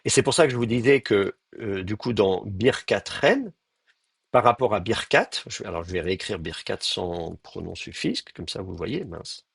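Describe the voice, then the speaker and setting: A man's voice: lowish voice, expressive, normal speed, creaky, husky, no echo, studio quality. A man teaching a live grammar lecture, thinking aloud with many fillers and restarts and speaking straight to his students. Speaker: Hebrew teacher.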